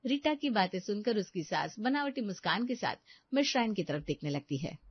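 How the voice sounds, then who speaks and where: A woman giving even, scripted narration of a cartoon story. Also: medium pitch, a little fast, husky, dry recording. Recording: dull dry lo-fi recording.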